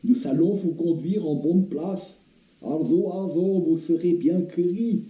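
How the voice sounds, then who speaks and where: A man's voice: high voice, slow pace, mellow, distant mic, voice pushed up. A man voicing a gloating German man who speaks broken French with a strong German accent. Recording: roomy, dull lo-fi recording.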